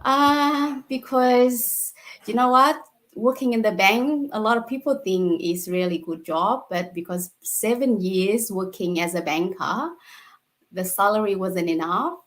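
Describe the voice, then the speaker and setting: A Vietnamese-born woman in her forties speaks as a guest in a casual interview, her first language Vietnamese. She takes her time, her phrasing simple and dotted with fillers and soft laughs. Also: medium pitch, measured pace.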